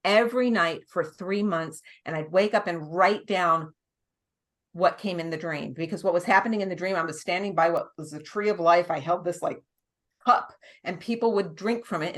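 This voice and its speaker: Speaking a little fast in a lowish voice, a middle-aged American woman gives long explanations as a guest nurse practitioner. The conversation is casual, and she often restarts her sentences and laughs softly.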